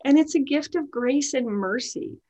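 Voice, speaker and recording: A woman's voice: high-pitched, moderate pace, mellow, dull audio. Chatty, earnest woman teaching scripture. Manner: chatty and earnest, full of "you know" asides. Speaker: women's Bible study teacher. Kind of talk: informal devotional teaching.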